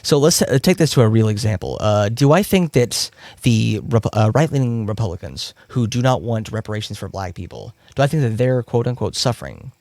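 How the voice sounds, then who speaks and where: A man from Kentucky argues back in a live debate and leans hard on each point. His pitch rises and falls widely as he presses his case. The recording is dry and close. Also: animated, fairly quick, hardly any pauses, darkish tone, dry recording. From Kentucky, USA. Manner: emphatic, argumentative. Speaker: debate guest.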